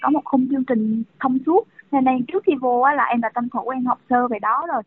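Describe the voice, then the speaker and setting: A woman's voice: high voice, a little fast, slightly rough. A young woman doctor in her thirties, speaking by phone in an earnest, conversational way with frequent fillers. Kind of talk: phone interview. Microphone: telephone. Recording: tinny dry phone line.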